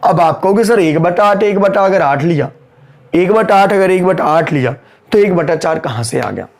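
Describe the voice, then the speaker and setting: Teaching accountancy online, this man mixes Hindi with English terms, works sums aloud, and scolds his students briskly, repeating key lines. He has a high, expressive voice, though his throat is sore and strained.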